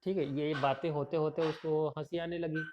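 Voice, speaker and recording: A man's voice: fairly high pitch, little pitch movement, moderate pace, a little hiss or hum. A male teacher reading a story aloud and explaining it, with frequent fillers and restarts. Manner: rambling with repeated fillers. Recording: dull lo-fi recording.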